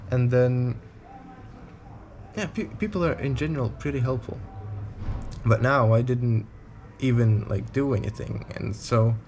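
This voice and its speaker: A man's voice: medium pitch, a little mellow, a little hiss or hum. Candid young man rambling in a vlog. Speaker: touring cyclist vlogger. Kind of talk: casual vlog talk to camera.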